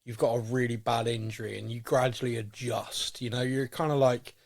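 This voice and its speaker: A man's voice: medium pitch, little pitch movement, fairly quick, creaky, a little mellow. A British man hosting a podcast in casual chat, with a rambling, wry, self-deprecating way of talking. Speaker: podcast host.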